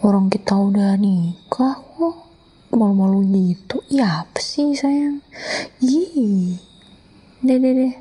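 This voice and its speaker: Woman playing a slow, soft-spoken Indonesian wife, ASMR role-play. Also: medium pitch, lively intonation, husky. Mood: playful teasing. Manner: intimate, soothing, coaxing. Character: affectionate teasing young wife telling bedtime stories.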